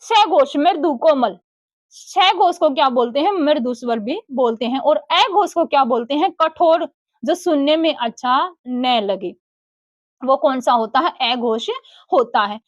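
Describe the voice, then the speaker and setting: High-voiced woman teaching Hindi grammar. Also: expressive, dry recording, lo-fi sound. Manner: asks the class questions and answers them herself, calls students beta; slowly sounds out letters for the class.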